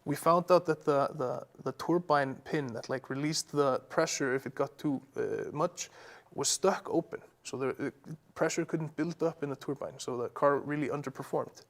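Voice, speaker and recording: Gravelly-voiced young man from Iceland, casual host, fillers and restarts, slightly high pitch. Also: normal speed, few pauses. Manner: rambling, frequent fillers and restarts. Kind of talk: casual live-stream Q&A chat.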